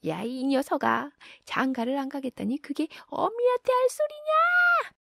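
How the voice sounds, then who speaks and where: A woman's voice: medium pitch, moderate pace, breathy edge, no echo, clean studio sound. A scolding village mother, as a woman narrator puts her on. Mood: yelling. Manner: loud, scolding.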